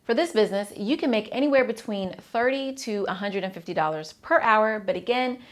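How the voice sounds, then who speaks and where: A woman accountant hosting her channel, giving an upbeat, direct, scripted explainer and speaking straight to the viewer. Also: mid-range voice.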